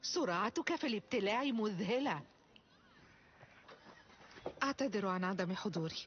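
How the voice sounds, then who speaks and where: A woman plays a wry, concerned mother in a screen dub, with a mid-pitched voice. The recording is dull with faint noise. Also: expressive, normal speed, close to an everyday voice. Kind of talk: dubbed screen drama acting. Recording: dull audio with background noise.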